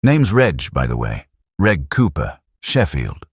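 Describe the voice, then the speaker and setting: A man reading as a cheeky young British private, breezy and teasing. The voice sits very deep but swings up and down a lot, with a husky edge and a dry, close sound. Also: wildly swooping pitch, takes it slowly, no room sound, heavily acted.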